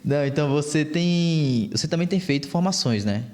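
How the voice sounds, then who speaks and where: A man's voice: on the high side, lively intonation, brisk, darkish tone. A man in his twenties with a Brazilian Portuguese accent, an interviewer who keeps affirming his guest with short agreements. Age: 20s.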